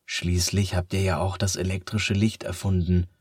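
A man voicing a sad, weary sun that talks slowly and sighs, in a children's storybook. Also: sits low, level tone, a little mellow, slightly rough, no echo, studio quality. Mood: downcast, slow. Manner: slow, sighing, downcast.

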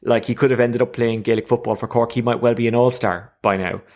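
A man's voice: medium pitch, fairly even intonation, quick pace, a little mellow. A man with an Irish accent presenting a sports podcast conversationally, explaining with emphasis and posing his own questions.

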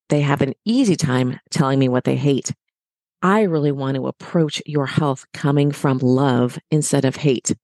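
A woman's voice: sits low, a little mellow, no echo. A middle-aged woman, a fitness expert, giving an encouraging motivational talk straight to listeners on a podcast.

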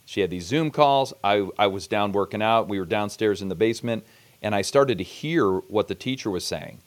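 A man's voice: on the low side, lively intonation, fairly quick. A man hosting a podcast interview, talking in a reflective, conversational way before asking his guest a question. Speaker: podcast host.

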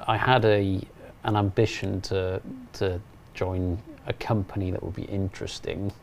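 A man's voice: low-pitched, flat delivery, a little slow, vocal fry, darkish tone, slight background noise. A middle-aged man in a casual conversation, speaking hesitantly with many restarts. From South Wales. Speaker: chief engineer and interviewer.

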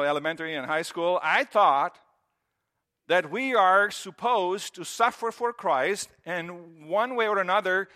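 A man's voice: sits high, bright, forceful tone. A man, preaching a sermon in an earnest, conversational way with repeated phrases. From Romania. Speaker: pastor.

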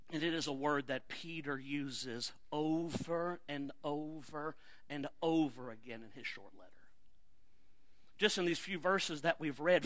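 A man's voice: fairly high pitch, a bit bright, dry recording. A middle-aged man preaching a sermon as pastor, talking in a conversational way and building to emphatic rhetorical questions. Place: church sanctuary.

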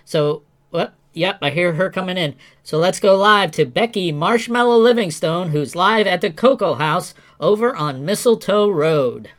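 A man's voice: high-pitched, lively intonation, moderate pace, hardly any pauses, a bit bright. A man playing an earnest radio news anchor who mixes a newsreader cadence with casual asides. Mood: announcing.

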